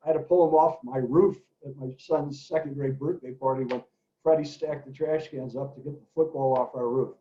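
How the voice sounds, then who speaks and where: A middle-aged man, an educator, giving an animated talk to parents and telling stories in character voices, in an echoey room with dull lo-fi sound. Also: medium pitch, moderate pace. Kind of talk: presentation for parents.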